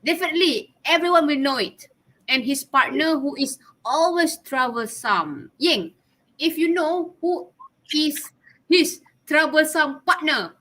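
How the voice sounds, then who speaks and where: A woman's voice: high voice, expressive, unhurried, a bit bright. A woman in her twenties with a Malaysian English accent, casually presenting to her class, chatty and giggly, slipping Malay words in. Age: 20s. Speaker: student presenter.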